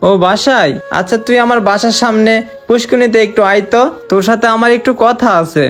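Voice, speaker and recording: A young man acting out an earnest, sorrowful man just back from years of work abroad, who talks in a heartfelt, pleading way. His voice sits high. Soft music plays faintly underneath. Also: brisk. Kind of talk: amateur short-film acting. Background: faint background music.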